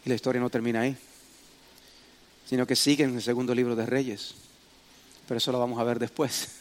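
A man preaching a sermon to his congregation, asking them questions and rising to loud, dramatic exclamations. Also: medium pitch, little pitch movement, fairly quick.

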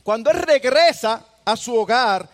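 A man with a strikingly high voice preaches a sermon to his congregation. He speaks earnestly and keeps turning to his listeners with direct questions. His voice rings out with a long reverb from a church hall. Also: lively intonation, measured pace. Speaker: pastor.

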